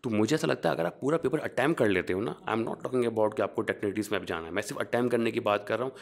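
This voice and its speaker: A young man from Pakistan, a chartered accountant, talking in a relaxed interview and explaining things, often rephrasing as he goes. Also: lowish voice, racing, creaky. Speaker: guest, qualified chartered accountant. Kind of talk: casual interview, mixing English phrases.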